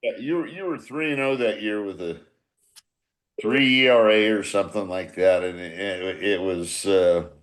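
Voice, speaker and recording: A man in his sixties, once a baseball manager, reminisces casually on a group podcast in a lowish, slightly bright voice at a moderate pace. His talk rambles and repeats itself, and it's blunt and salty.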